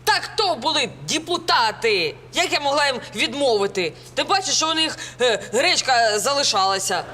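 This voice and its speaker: Someone doing a dim brassy hooker lady, shrill bright voice that jumps all over. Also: animated, a little hiss or hum. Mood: blunt. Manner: blunt, high-pitched, halting. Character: simple-minded female sex worker, brash.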